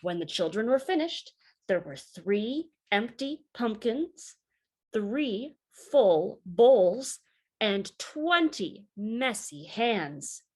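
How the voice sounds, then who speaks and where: A woman with a fairly high-pitched voice reads a picture book to children, deliberate in pace and lively in expression.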